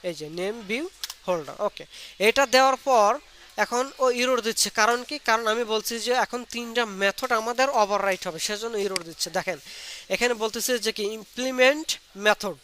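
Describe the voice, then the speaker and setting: A man's voice: sits high, brisk, pushed and bright. A man teaching a live online programming class, explaining step by step and quizzing his students with questions. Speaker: programming instructor. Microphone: computer mic on a video call. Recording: faint background noise.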